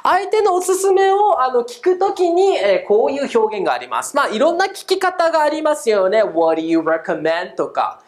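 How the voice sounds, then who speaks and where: Woman, pronunciation teacher, upbeat, very lively intonation, slow drills, Japanese-English mix. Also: sits high. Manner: upbeat, drills phrases slowly, cheers catchphrases. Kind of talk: video pronunciation lesson.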